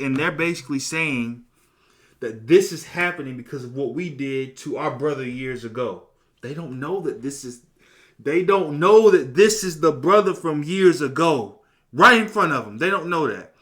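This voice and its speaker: A man hosting a podcast, retelling a Bible story in a casual, slangy, animated way. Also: medium pitch. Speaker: podcast host.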